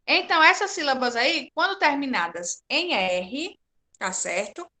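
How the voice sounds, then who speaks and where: A woman's voice: sits high, lively intonation, a little slow, pushed and bright. A woman teaching an online grammar class, explaining patiently step by step and checking often that students follow.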